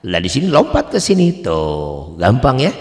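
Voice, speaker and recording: Man, mid-pitched, plain-spoken Quran tutor, long hall reverb. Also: wildly swooping pitch. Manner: chatty and plain-spoken, switching to loud drawn-out chanted recitation. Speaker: Quran recitation teacher. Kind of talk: tajwid lesson for beginners.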